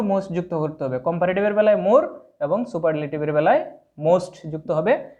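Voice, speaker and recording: A high-pitched man with a darkish tone and a Sylheti Bengali accent leads an English grammar lesson. He breaks it down step by step, spelling words out letter by letter. Dull, lo-fi audio.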